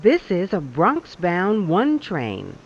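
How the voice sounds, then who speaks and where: A recorded subway announcer heard over a train loudspeaker, speaking in measured, evenly spaced phrases. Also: mid-range voice, wildly swooping pitch, slightly rough, highs cut off. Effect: played over a train loudspeaker.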